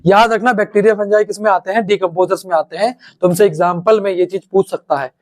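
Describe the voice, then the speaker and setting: A man teaching a science lesson, firing quick questions at his students and answering them himself. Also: high-pitched, fairly even intonation. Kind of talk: online class lecture.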